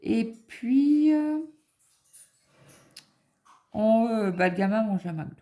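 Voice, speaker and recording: A woman's voice: fairly high pitch, expressive, slow, dark tone. A middle-aged woman chatting casually on a vlog, rambling with many fillers as she acts out a conversation. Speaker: vlogger. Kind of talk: casual chat, retelling an appointment.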